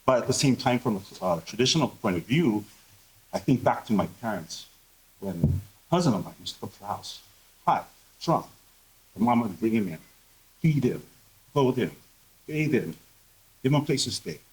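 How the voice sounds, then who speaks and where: A man's voice: mid-range voice, very animated, moderate pace, long pauses, darkish tone, rough recording. A man speaking candidly on a conference panel, earnest and full of fillers. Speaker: panelist, behavioral health professional. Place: conference room.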